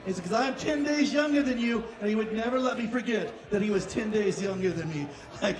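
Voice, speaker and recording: A man's voice: high-pitched, a little fast. A man in his fifties emceeing a memorial show, chatty and joking, laughing through his stories on a stage mic in a small rock club. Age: 50s. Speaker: event emcee. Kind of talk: casual stage banter and storytelling. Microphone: stand mic on stage, taped from the audience. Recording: echoey club taped from far off, crowd. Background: crowd chatter.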